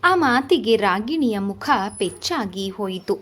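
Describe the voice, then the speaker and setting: A woman narrating a moral story in a steady, expressive reading. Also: mid-range voice, slow pace.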